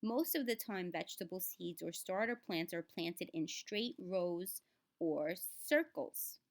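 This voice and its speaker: A woman with a lowish voice reads a children's book at an unhurried pace, teaching as she goes. Directly addressing the children, she sounds out words and adds simple explanations.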